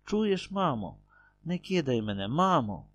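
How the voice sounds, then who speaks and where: A man voicing a young village woman, an anxious and loving daughter, speaking in soft, tender pleas. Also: on the high side, big pitch swings, measured pace, dry recording, muffled recording, pitched above the performer's own voice, exaggerated voice. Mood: pleading.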